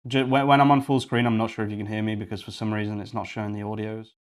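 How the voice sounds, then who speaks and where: A young man from Yorkshire, England, talks very fast in a lowish voice with little pitch movement. He's hosting a coding livestream, rambling casually and thinking aloud while clicking around.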